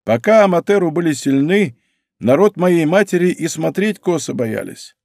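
A man's voice: fairly high pitch, animated, moderate pace, a little mellow, dry recording, clean studio sound, voice pushed up. Man putting on a cranky old noblewoman. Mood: snappish. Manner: prickly, grumbling. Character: grumpy sharp-tongued old noblewoman. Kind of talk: audiobook character reading.

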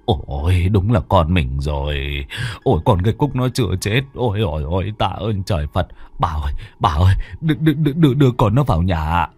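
A shaken old village father, voiced by a male storyteller, deep and husky. He stammers and cries out in broken repeats, the pitch jumping about. Faint music sits behind the dry, close sound. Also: expressive, brisk, darkish tone, no echo. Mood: shaken exclaiming. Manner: stammering, exclaiming, repeats words. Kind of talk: storytelling role voice.

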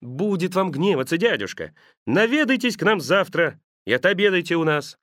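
A man's voice: high voice, sing-song, moderate pace, a bit bright, no room sound, clean studio sound, pitched above the performer's own voice. A man reading the part of a cheerful, earnest young man. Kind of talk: audiobook character reading.

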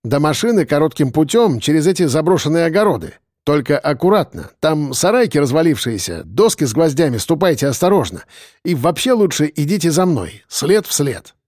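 A man voicing a gruff, stern village police officer who barks exasperated orders. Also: a little high, sing-song, fairly quick, a little mellow, no echo, studio quality. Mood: plain.

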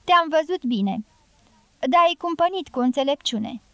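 A woman reading an audiobook, voicing a loud, blunt, domineering middle-aged guerrilla woman in a raised, forceful voice. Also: high voice, lively intonation, dry recording, voice pushed up. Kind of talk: audiobook character voice.

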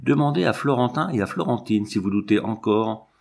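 A man's voice: fairly low pitch, a little fast, vocal fry. A man reading aloud, voicing an earnest young boy who insists with a policeman. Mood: insistent. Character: earnest young boy, eldest of three children.

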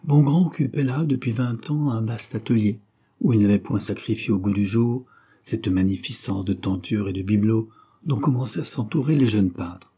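A man narrating a classic novel as an audiobook in a steady, measured storytelling manner. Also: lowish voice, breathy edge.

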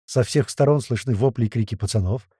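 A man narrating a first-person audiobook with vivid, lively storytelling. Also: medium pitch, brisk, breathy edge, dry recording, studio quality.

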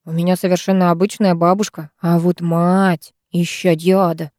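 Woman doing sullen teen girl, curt, scornful, mellow tone, dry close sound, storybook. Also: on the low side, level tone, moderate pace, no room sound, close to an everyday voice. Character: sullen, sharp-tongued teenage girl.

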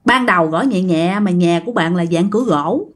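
A woman's voice: fairly low pitch, brisk. A woman with a Southern Vietnamese accent narrating a ghost story in a chatty way, talking straight to her listeners. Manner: chatty, addresses listeners directly.

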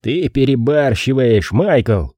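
A burly, exasperated police chief, as a man reads him who scolds and keeps the peace. The voice sits higher than the reader's own, with a husky grain, and swings lively between his words. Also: a little slow, no echo, studio quality, full character voice. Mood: sour, scolding. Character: heavyset male police chief, gruff peacemaker.

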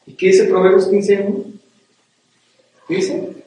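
Preaching earnestly to men, a middle-aged man with a Mexican accent speaks slowly in a high-sitting voice with little pitch movement, repeating points for emphasis and asking "¿sí?" along the way. The recording is very noisy, made from a distance in a very echoey hall.

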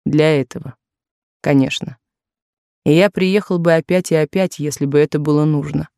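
A woman voicing an insistent, possessive wealthy man courting a young maid, in a lowered, slow, pressing voice in a dry studio recording. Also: steady tone, creaky, mellow, no room sound.

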